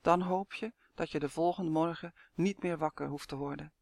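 A man reading aloud, voicing a kind, frail old woman of eighty who speaks calmly and soothingly. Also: fairly high pitch, normal speed, vocal fry, no room sound, studio quality. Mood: resigned. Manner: calm, soothing, gently wise.

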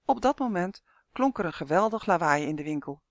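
A woman narrating a children's fantasy story aloud in an even, clear manner. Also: lowish voice, brisk, dry recording, clean studio sound.

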